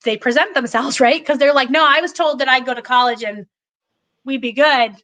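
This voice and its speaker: A woman's voice: high voice, fairly quick, fairly bright tone, low-quality recording. A woman in her forties, a political candidate talking passionately in a podcast conversation, emphatic and full of restarts.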